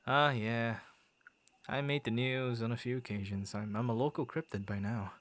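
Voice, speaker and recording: Close to an everyday voice, this man's mid-range tone is a bit bright, with fairly even intonation and normal speed. He stammers through a playful, theatrical turn as a bashful, friendly forest-guarding werewolf in an ASMR boyfriend roleplay, sounding amused and chuffed.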